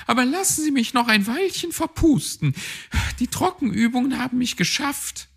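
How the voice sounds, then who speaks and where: Man putting on a shrill fussy magpie lady. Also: expressive, moderate pace, vocal fry, a bit bright, breathy edge, full character voice. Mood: prim, huffy. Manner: shrill, prim and bickering. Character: fussy chatty female magpie, older lady.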